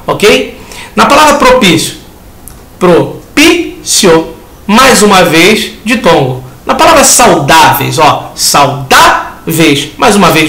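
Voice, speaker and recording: A man's voice: high voice, pushed and bright, reverberant. A man with a Brazilian Portuguese accent teaching a lesson that reviews exam answers, talking the class through each step and acting out students' questions.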